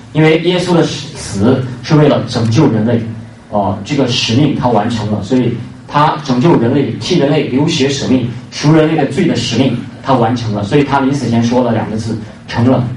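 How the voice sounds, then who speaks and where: A man's voice: medium pitch, darkish tone. A man delivers an evangelistic sermon, leaning hard on his points and repeating key lines. His voice rings through a reverberant church hall, picked up from some distance away, with faint noise underneath. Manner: emphatic, repeats key phrases, fillers between points. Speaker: preacher.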